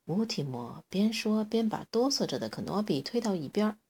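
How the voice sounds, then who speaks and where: A woman reading a children's story aloud in an expressive, unhurried way. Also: medium pitch, husky.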